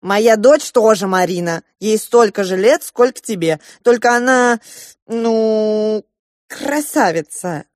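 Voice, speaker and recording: A woman voicing a loud, excitable middle-aged rich man who owns a yacht, reading an audiobook. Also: mid-range voice, slow pace, no echo, studio quality, pitched above the performer's own voice, natural voice. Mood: boisterous. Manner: loud, exclamatory, bossy. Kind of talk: audiobook character voice.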